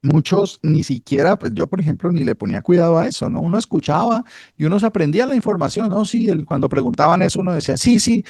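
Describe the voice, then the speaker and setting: Dark-toned man preaching conversationally. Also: a little high, expressive, fast, dry recording, studio quality. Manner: conversational, repeats phrases, asks rhetorical questions. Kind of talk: sermon.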